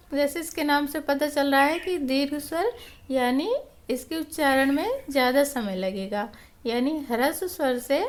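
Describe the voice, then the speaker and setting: A woman teaching a lesson, explaining patiently and repeating each point with examples. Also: high-pitched.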